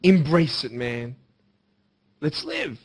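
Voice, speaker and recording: A young man giving an emphatic motivational speech to students, swinging between bold declarations and hushed, earnest appeals. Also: medium pitch, wildly swooping pitch, slow pace, husky. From Australia. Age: young adult. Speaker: motivational speaker.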